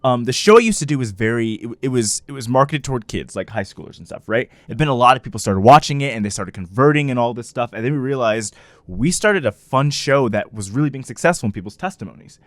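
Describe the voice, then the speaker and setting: Loud, animated male podcast host. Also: mid-range voice, fast, dry recording. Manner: loud, animated, laughs often, many fillers. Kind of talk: casual podcast chat.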